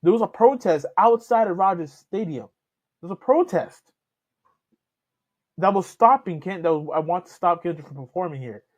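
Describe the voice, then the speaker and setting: A man's voice: high voice, lively intonation, moderate pace. A man hosting a reaction video, rambling through casual commentary with many restarts. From Canada. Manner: rambling, repeats and restarts while he talks. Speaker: reaction channel host. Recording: dull lo-fi home recording.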